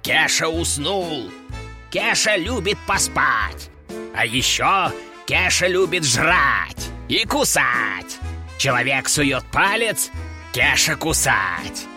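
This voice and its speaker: A man doing a creaky, brash talking parrot. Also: on the high side, very animated, slow, bright, forceful tone, soft background music, full character voice. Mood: cheeky. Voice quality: creaky, squawky. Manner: speaks of himself in third person, broken grammar. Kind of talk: audiobook character voice.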